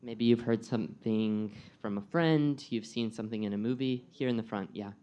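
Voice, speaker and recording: A young American guest speaker and program coordinator delivers a live presentation, engaging listeners with friendly questions. His voice is on the low side, mellow and clean, at a moderate pace, though the audio sounds dull.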